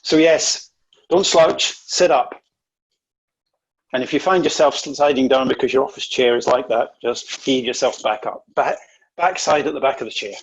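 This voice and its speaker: A man's voice: mid-range voice, brisk, slightly rough, dull audio. A man presenting an online interview-skills workshop, coaching in an emphatic way and often repeating words.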